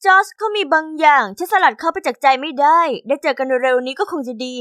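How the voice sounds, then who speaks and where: A young woman narrating a first-person diary story in a chatty, expressive scripted style. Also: sits high, quick pace, dry recording, studio quality.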